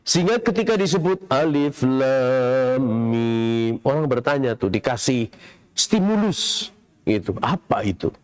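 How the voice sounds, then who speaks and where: A middle-aged man giving a Quran commentary lecture in a large mosque, explaining slowly and quizzing his audience. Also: mid-range voice, big pitch swings, darkish tone, clean tone. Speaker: mosque preacher.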